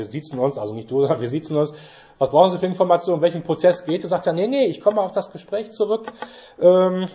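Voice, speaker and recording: Middle-aged guy rambling through stories, quotes people, lots of ums, slightly high voice, muffled recording. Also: a little mellow. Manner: chatty, quotes dialogue, many fillers. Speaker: church representative giving a talk. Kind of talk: anecdotal storytelling talk. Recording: dull lo-fi recording.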